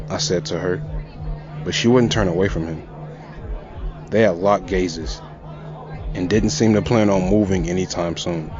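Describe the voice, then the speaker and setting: A man narrating a first-person horror story in a tense, dramatic way. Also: deep voice. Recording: lo-fi with music and crowd sound.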